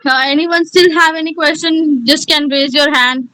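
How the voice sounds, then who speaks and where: Indian woman trainer, high voice, dry close sound, encouraging, many fillers. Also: steady tone, moderate pace, bright, forceful tone, no echo, rough recording. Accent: Indian English. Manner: encouraging, filler-heavy with many "you know". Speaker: communication skills trainer. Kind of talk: online class feedback.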